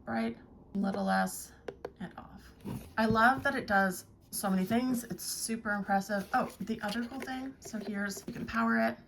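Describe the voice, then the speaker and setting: A woman gives a casual, plain-spoken product review, explaining the features as she shows them. She speaks at normal speed in a mid-range voice, with clearly audible background noise and handling clicks in the recording.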